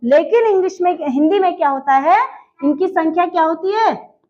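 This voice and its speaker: A woman's voice: extremely high pitch, moderate pace, mellow. A woman teacher giving a grammar lesson, asking her class questions and answering them herself. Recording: dull lo-fi sound.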